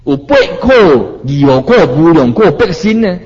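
Man preaching a slow, lively Buddhist sermon. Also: fairly high pitch, highs cut off. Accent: Taiwanese Hokkien. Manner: chanting verses slowly, then explaining with rising exhortation. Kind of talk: Buddhist sermon in Taiwanese Hokkien.

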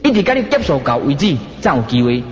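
A man's voice: fairly high pitch, very animated, fast talker. A man preaching a Buddhist sermon in a Taiwanese Hokkien accent, with dramatic, swooping emphasis. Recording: dull echoey hall.

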